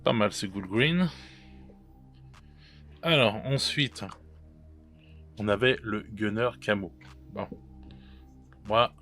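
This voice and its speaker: A man's voice: lowish voice, takes it slowly, pauses often, fairly bright tone, faint music behind. A man casually reviewing paint colors, chatty and hesitant, with many fillers and restarts and self-mocking laughs at his own mistakes. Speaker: miniature painting youtuber.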